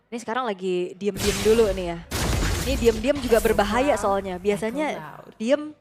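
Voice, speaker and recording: A woman's voice: medium pitch, moderate pace, noisy background. A woman with an Indonesian accent giving live commentary on an esports match as a caster. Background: music.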